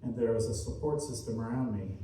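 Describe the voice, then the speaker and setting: Here a mellow, medium-pitched man, a motivational speaker and author, addresses a room with an inspiring speech built on short, emphatic repetition. His delivery is earnest and deliberate. The large seminar hall makes the distantly recorded audio echoey, with faint noise.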